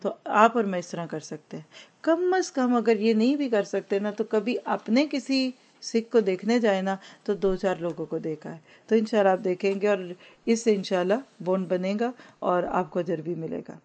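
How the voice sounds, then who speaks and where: A woman teaching an Islamic lesson, talking in an explanatory way and slipping English words into her speech. She slows down to recite Arabic phrases so her listeners can repeat after her. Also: mid-range voice, expressive, darkish tone. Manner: Urdu-Hindi mixed with English words. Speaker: religious teacher.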